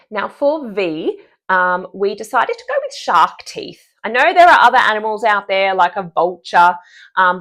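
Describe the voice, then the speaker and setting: An upbeat woman, a speech-language pathologist, explains animal-themed cues for teaching children speech sounds. She talks at an easy mid pitch and acts out each sound as she goes. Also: a bit bright. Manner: upbeat, demonstrates sounds and gestures. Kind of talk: explaining therapy cues to parents and therapists.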